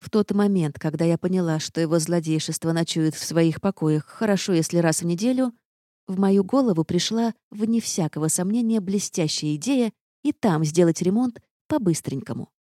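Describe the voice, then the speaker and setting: A woman reading a first-person audiobook with lively, ironic storytelling. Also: on the low side, normal speed, no echo, clean studio sound. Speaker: audiobook narrator.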